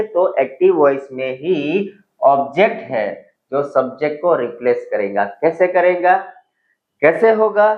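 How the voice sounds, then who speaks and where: Slow, echoey male grammar teacher. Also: a little high. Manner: explains slowly, mixing Hindi with English example sentences; spells words out letter by letter. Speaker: English teacher. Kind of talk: classroom-style grammar lesson. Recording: echoey room, dull lo-fi sound.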